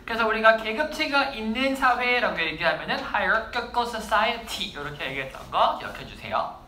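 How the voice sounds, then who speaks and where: Lady teacher drilling words with a class, brisk, roomy echo, bit of noise. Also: a little high, sing-song, bright, forceful tone. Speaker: English teacher. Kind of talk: classroom vocabulary lesson.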